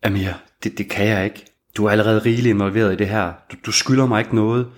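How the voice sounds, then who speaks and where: A man voicing a hunted young man on the run, speaking quietly and tensely. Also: lowish voice, fairly even intonation, natural voice.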